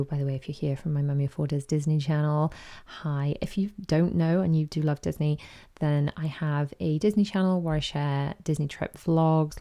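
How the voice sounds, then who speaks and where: Woman, podcast host, chatty retelling, mellow, gravelly voice. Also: low-pitched. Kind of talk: casual chat.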